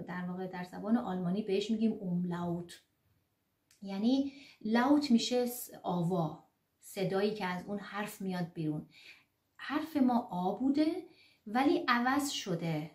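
A woman at a mid pitch walks learners through German sounds, explaining patiently with many pauses and fillers and repeating each sound slowly. Her voice carries a noticeable echo from the room. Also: expressive, dark tone. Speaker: German teacher. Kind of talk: online language lesson.

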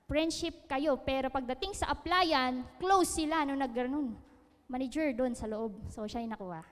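A woman speaks to a room in a high, bright voice, teasing her listeners and laughing at her own jokes. Her words ring out with a long hall reverb behind them, as in a seminar space. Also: normal speed. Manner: joking, laughing, asks listeners questions. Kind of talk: lively seminar talk.

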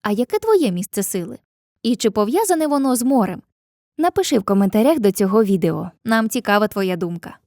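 A woman narrating a scripted literature lesson in a clear, measured way, reading lines of poetry slowly. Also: medium pitch, sing-song, darkish tone, no room sound.

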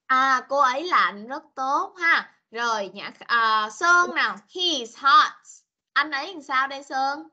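A woman teaching English to young children over a video call, speaking, patient and coaxing, mixing with slow English. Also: high-pitched, lively intonation, pushed and bright, dull audio. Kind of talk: online class for young children.

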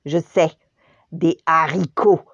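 A woman voicing a quick-tempered young sister who snaps in exasperated outbursts. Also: sits low, lively intonation, mellow, breathy edge, no echo, muffled recording.

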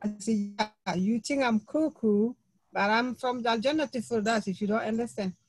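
A woman in a study circle telling an anecdote on a video call, animated, with non-native grammar, laughing at her own story. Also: fairly high pitch, moderate pace, husky, no room sound, poor audio.

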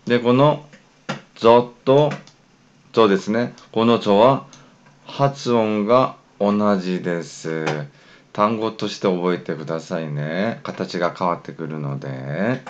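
A man's voice: low-pitched, measured pace, lo-fi sound, a little hiss or hum. A man whose first language is Korean, patiently giving a pronunciation lesson and modelling syllables one by one. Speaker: language teacher.

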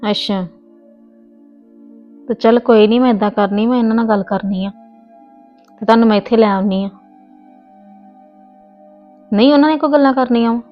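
A woman with a somewhat high, natural voice, speaking at normal speed with long pauses, acts as a stubborn young married woman in a family comedy skit. She scolds insistently, her voice rising as she argues, in a mood that mixes soothing and scolding. The audio is dull, with soft background music.

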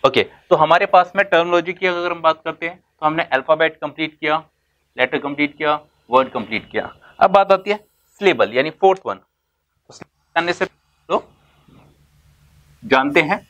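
Man, English teacher, slightly high voice, classroom lesson, rhetorical questions, drawn-out key words. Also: fairly bright tone, poor audio. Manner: explains in Hindi mixed with English terms, asks and answers his own questions; stretches out words slowly for emphasis.

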